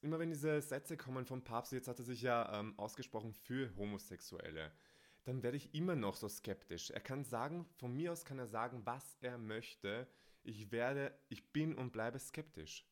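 A man's voice: mid-range voice, expressive, moderate pace. A man hosting a conversation, asking empathetic, questioning follow-ups. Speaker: host. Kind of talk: conversational interview.

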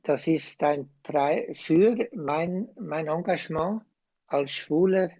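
A man, a former priest speaking as a guest, slow and hesitant but impassioned. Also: fairly high pitch, warm tone, slightly rough, no echo, dull audio. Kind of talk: conversational interview.

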